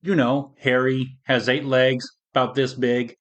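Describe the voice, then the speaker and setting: Old pirate captain, read by a man: gentle, courtly, mild. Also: medium pitch, level tone, a little slow, lightly acted. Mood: reassuring. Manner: genial, old-fashioned phrasing. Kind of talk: storybook voice acting.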